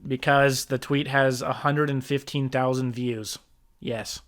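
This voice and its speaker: A man's voice: mid-range voice, little pitch movement, unhurried. A man reacting to a video about himself, rebutting it point by point in a defensive, exasperated way and often restarting his sentences. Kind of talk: reaction commentary.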